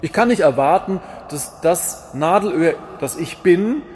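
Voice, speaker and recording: A man preaching a sermon in a lively, rhetorical manner, with wry asides and repeated refrains. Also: on the high side, a little slow, a little hiss or hum.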